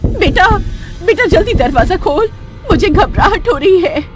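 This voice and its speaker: A woman voicing a shape-shifting spirit disguised as an old mother in an animated horror story, loud, pleading and tearful. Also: high voice, measured pace, music in the background.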